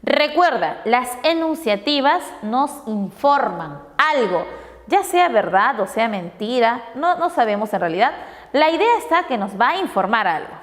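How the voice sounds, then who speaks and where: A woman teacher reviews test answers for her pupils, posing questions and answering them herself. Her voice sits high and swings widely in pitch. It rings out with a long reverb from the room. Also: very animated, unhurried. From Peru. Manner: explanatory, asks and answers her own questions.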